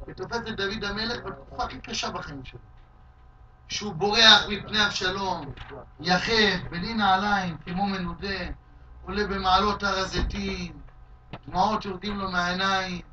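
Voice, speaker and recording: A man, a rabbi, giving a Talmud lesson in a study hall, telling stories in an animated way and acting out quoted shouts and cries. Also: high-pitched, a little hiss or hum. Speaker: rabbi teaching a class. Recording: distant, dull lo-fi hall recording.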